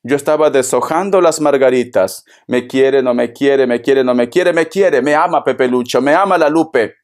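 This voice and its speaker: A man's voice: medium pitch, moderate pace, natural voice. A man voicing a worried, lovesick tarot client who rambles through an anxious confession.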